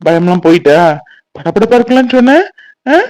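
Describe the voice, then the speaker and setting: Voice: mid-range voice, lively intonation, normal speed, darkish tone, no room sound, natural voice, poor audio. Someone voicing a teasing young husband, dry and close. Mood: playful. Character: young newlywed husband, playful then anxious son. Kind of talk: cartoon voice acting.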